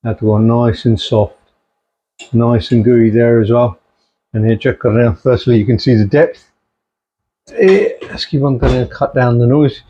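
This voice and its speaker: A man's voice: medium pitch, steady tone, a little slow, long pauses, mellow. A middle-aged man casually showing home cooking in his kitchen, chatting easily and slipping in Punjabi-Urdu phrases. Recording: dull lo-fi home recording.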